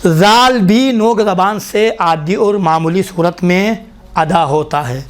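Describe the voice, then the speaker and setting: A man teaching a classroom lesson on recitation pronunciation, repeating each sound slowly for his students. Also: high-pitched.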